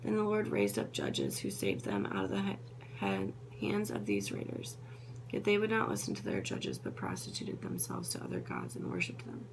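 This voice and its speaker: A woman reads scripture aloud in a gravelly voice on the low side at a moderate pace, sometimes stumbling over names and correcting herself. The recording is noisy, with a steady hum.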